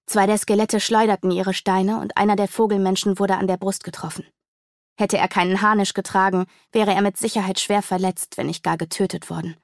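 A woman's voice: mid-range voice, level tone, a little fast, creaky, no room sound, clean studio sound. A woman reading a fantasy novel aloud in a dramatic, vivid storytelling manner. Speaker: audiobook narrator. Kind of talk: scripted fantasy narration.

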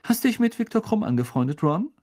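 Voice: mid-range voice, very animated, fairly quick, darkish tone, voice pushed up. An audiobook reader voicing a pompous, officious young male wizard. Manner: pompous, self-important.

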